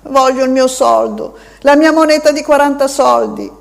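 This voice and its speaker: A small peasant boy in a storybook reading, his voice pushed high and loud as he begs and then demands, turning insistent and almost threatening, as a reader puts him on. The cries come out strained and urgent. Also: lively intonation, takes it slowly, full character voice. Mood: pleading.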